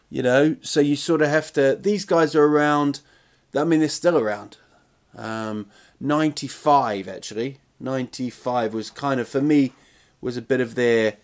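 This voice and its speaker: A man in his forties hosting a solo podcast in a casual, meandering way, hesitant, self-deprecating and prone to swearing. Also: mid-range voice. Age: 40s. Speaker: podcast host and touring comedian.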